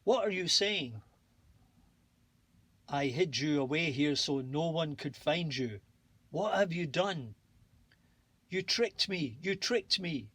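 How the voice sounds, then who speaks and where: A man reading a storybook aloud, voicing a harsh, angry old witch woman in a shrill, scolding way. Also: fairly even intonation, unhurried, hardly any pauses, sharp tone, no echo. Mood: furious.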